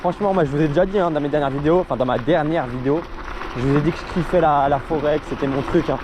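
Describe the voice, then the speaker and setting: A young man talks in a slightly high voice, casual and full of slang. He sounds enthusiastic as he narrates his ride outdoors, with clear vehicle and street noise around him. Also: racing. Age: young adult. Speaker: vlogger on an electric scooter. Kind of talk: casual ride-along vlog chat. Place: outdoors, riding through streets and forest.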